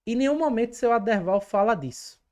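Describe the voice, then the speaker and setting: A woman's voice: on the high side, animated, a little fast, a little mellow. A woman hosting a fan channel, commenting emphatically and with indignation, speaking straight to her viewers. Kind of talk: opinionated commentary vlog.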